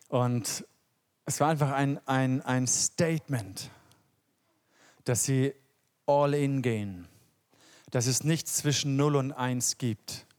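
A man preaching a sermon in an impassioned, conversational way, often sinking into soft, hushed tones. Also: mid-range voice. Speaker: pastor.

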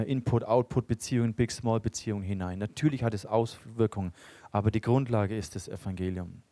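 A man's voice: medium pitch, warm tone, dry recording. A young man preaching a sermon, earnest, reading scripture aloud and building in emphasis.

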